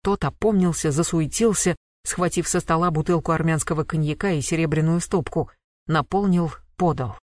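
An audiobook narrator reading a dramatic chapter in a measured, expressive way. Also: medium pitch, dry recording, studio quality.

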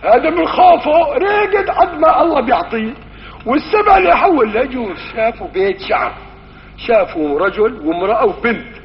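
There's background noise on this muffled old recording from a reverberant hall, where a man with a very high, animated voice and a Syrian Arabic accent teaches religion a little fast. He tells stories and acts out the dialogue, shifting his voice for each part.

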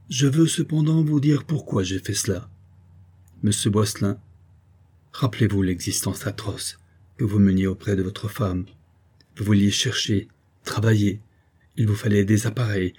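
Man reading as a guilt-ridden assistant confessing a killing, fervent and pleading, low husky voice rising with feeling, from an audiobook. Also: steady tone, measured pace, long pauses, darkish tone.

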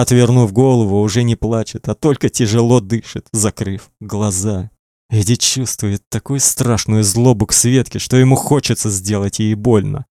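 A man's voice: on the low side, mellow, no echo, clean studio sound. A man narrating an audiobook in a tense, dramatic reading.

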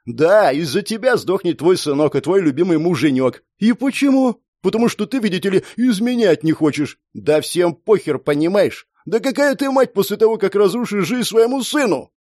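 A man's voice: fairly high pitch, big pitch swings, moderate pace, few pauses, a little mellow, no echo, studio quality. A man voicing a crude, cruel young thug who barks threats. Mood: threatening.

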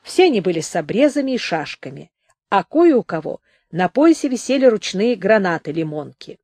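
Woman narrating an audiobook with lively intonation. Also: mid-range voice, moderate pace, no room sound, clean studio sound. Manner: expressive, varied reading.

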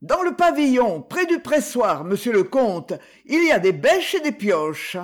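A reader voicing an old male estate steward who flatters his master and calls out eagerly. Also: mid-range voice, unhurried, voice pushed up. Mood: calling out. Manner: calling out eagerly.

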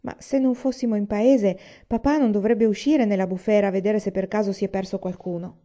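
A woman's voice: medium pitch, fairly even intonation, a little fast, dark tone, natural voice. A woman reading aloud and voicing a restless, spirited young pioneer girl, her voice lifted a little and eager. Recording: slightly dull lo-fi recording.

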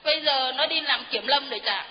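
A woman's voice: sits high, brisk. A middle-aged woman giving an earnest, deferential testimony to a priest in a church hall. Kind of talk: heartfelt spoken testimony. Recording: dull reverberant hall recording.

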